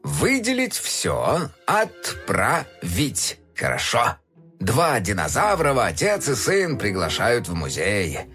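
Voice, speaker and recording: A man's voice: fairly low pitch, huge pitch swings, unhurried, hardly any pauses, fairly bright tone, soft background music, heavily acted. A man voicing a cheerful, absent-minded paleontologist father in a storybook reading, jolly and pleased with himself. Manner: jolly, self-satisfied, fussy.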